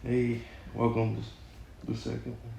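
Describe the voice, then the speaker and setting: A man's voice: medium pitch, completely flat delivery, measured pace, vocal fry, mellow. A young man co-hosting a podcast from a cold garage, coughing as he recovers and cracking dry, crude jokes. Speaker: podcast co-host. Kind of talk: casual banter. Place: unheated home garage. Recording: echoey garage recording.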